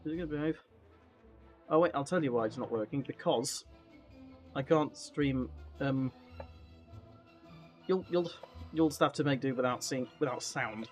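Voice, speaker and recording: A man's voice: medium pitch, moderate pace, pauses often, faint music behind. A man chatting casually as he hosts a live game stream, speaking into a headset mic.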